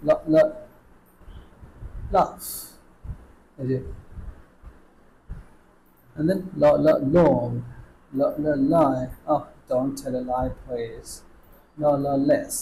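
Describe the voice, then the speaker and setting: A man with a Bangladeshi accent teaching English pronunciation in an online lesson, drilling sounds slowly and switching between Bengali and English. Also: mid-range voice, warm tone, slight background noise, poor audio.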